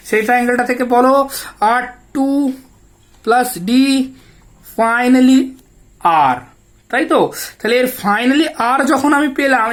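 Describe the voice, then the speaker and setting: Woman, West Bengal Bengali accent, math lesson, patient explaining, rhetorical check-ins, English terms mixed in. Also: high voice. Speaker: teacher.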